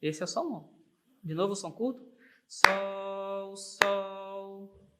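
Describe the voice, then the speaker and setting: A man's voice: high-pitched, expressive, fast talker, heavy background noise. A man teaching an online music theory lesson, patient and encouraging, often checking in with the learner and singing single sustained notes while clapping the beat.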